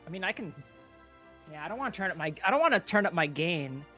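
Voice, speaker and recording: This man's high voice is very animated, pushed and bright as he co-comments a speedrun livestream. He talks close into his own microphone in a playful, chatty way with quick restarts, while faint music plays behind him.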